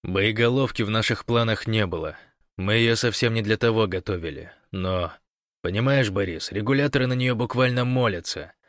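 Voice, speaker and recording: A man voicing a sly, scheming man who feigns meekness, speaking soft and wheedling in an audiobook. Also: lowish voice, moderate pace, dry recording, clean studio sound, close to an everyday voice. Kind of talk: audiobook character voice.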